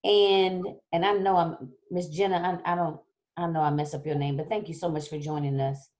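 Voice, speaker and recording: Low mellow woman host losing her voice. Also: steady tone, normal speed. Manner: warm-up chatter, repeats herself while reading names. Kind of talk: casual online talk show hosting. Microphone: laptop on a video call.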